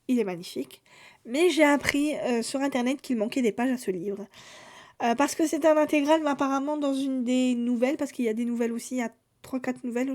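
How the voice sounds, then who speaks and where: A woman's voice: high-pitched, mellow. A woman chatting casually through a book haul, summarizing plots with fillers and restarts. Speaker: book vlogger.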